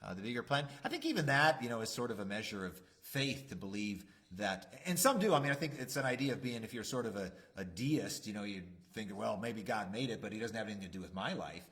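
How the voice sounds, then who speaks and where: A man with a somewhat low voice talks through matters of faith on a church youth show. He rambles reflectively and leans on fillers like "you know" and "uh". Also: lively intonation, fast, hardly any pauses, a bit bright. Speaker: church youth leader co-host. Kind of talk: casual faith discussion.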